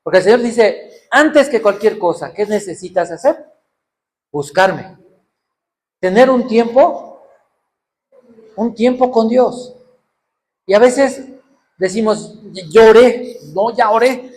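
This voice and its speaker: A man's voice: high-pitched, animated, takes it slowly, pauses often, darkish tone. A man with a Mexican accent preaching a sermon in an event hall, talking conversationally and asking rhetorical questions.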